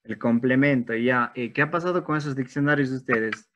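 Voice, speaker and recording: A man teaching an online English class, explaining grammar step by step in a patient way and slowing down for the English examples. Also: medium pitch, fairly bright tone, lo-fi sound, slight background noise. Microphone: video call.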